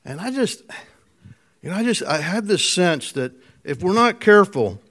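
A preacher with a high, light voice works through a sermon like a storyteller. He chuckles often as he goes. He swings from loud emphasis down to a near hush. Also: very animated, normal speed.

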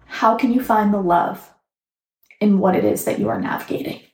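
A woman channeling a calm collective spirit guide that speaks as "we" in measured, reassuring statements. Her voice sits mid-range and is recorded on a phone in a roomy, echoing space. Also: medium pitch, lightly acted. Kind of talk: channeled message.

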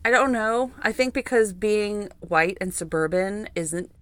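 A woman's voice: medium pitch, a little slow, dry recording. A middle-aged woman co-hosting a casual podcast from inside a closet, with playful, self-deprecating banter. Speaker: podcast co-host. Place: small closet used as home studio, indoors.

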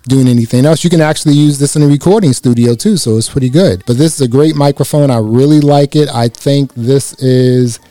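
Speaking close into a dynamic microphone run through a processor, a slightly raspy man of medium pitch reviews a mic for the camera in a relaxed, chatty way. He talks fairly quickly with few pauses, peppering his speech with "you know," and the sound is dry.

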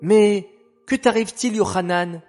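A man's voice: high voice, measured pace, soft background music, voice pushed up. A man voicing a chatty, caring little girl who questions her brother in a storybook tale. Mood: concerned. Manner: bright, questioning, lively.

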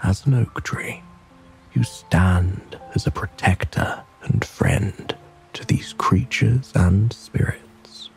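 A man narrating a soothing sleep story and guided relaxation in a calm, gentle, soft breathy voice. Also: sits low, slow, faint music behind.

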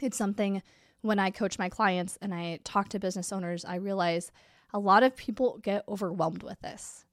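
A congested woman hosts her business podcast in a candid, upbeat chat. Her voice sits at a middle pitch. The sound is dry and close, with no room around it. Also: moderate pace, dry recording. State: congested from a cold. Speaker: podcast host and business coach. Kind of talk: casual solo podcast talk.

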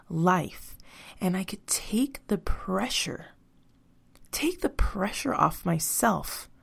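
A woman hosting her own podcast, giving a blunt, emphatic motivational monologue, swearing freely and slowing down with soft breathy asides. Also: lowish voice. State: tearing up. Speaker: podcast host.

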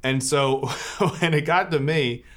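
Man telling stories, relaxed and chatty. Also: on the high side, takes it slowly. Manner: relaxed storytelling with filler words. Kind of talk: informal talk to a church audience.

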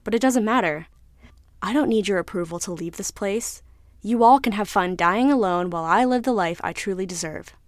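A woman voicing a stubborn male anchovy who is dreamy and defiant, speaking low and muted. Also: normal speed, no room sound, clean studio sound, lightly acted.

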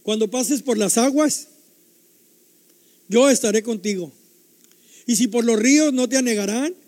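An older male preacher with a very high yet mellow voice delivers an emphatic sermon, repeating key phrases and putting questions to his congregation. His words ring out with a long reverb, as if in a large church hall. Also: a little slow. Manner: emphatic, repetitive, asks the congregation rhetorical questions.

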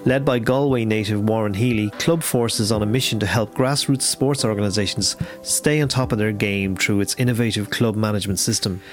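A man's voice: fairly low pitch, brisk, hardly any pauses, faint music behind. A man with an Irish accent, hosting a podcast and interviewing a guest. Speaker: podcast host.

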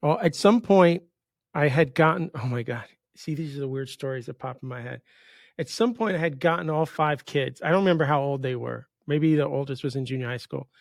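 A man from New York in his fifties runs a casual podcast interview full of rambling anecdotes and self-interruptions. His creaky voice sits on the high side and moves fairly quickly, in a dry, clean studio recording.

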